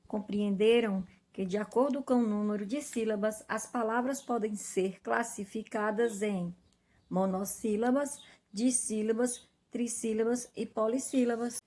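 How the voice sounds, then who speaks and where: A woman's voice: a little high, steady tone, measured pace. A Brazilian woman teacher speaking directly to her pupils in a recorded lesson. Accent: Brazilian Portuguese. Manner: warm, addressing children directly.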